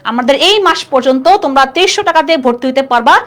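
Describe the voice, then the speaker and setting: A woman's voice: high voice, animated, quick pace, fairly bright tone. A woman teaching a live online class, chatty and constantly quizzing her students. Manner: chatty, keeps asking students questions.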